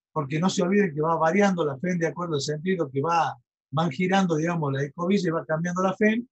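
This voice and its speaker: Husky high-voiced male engineering lecturer. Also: muffled recording. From Argentina. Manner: explanatory, checks in with students often. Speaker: university lecturer.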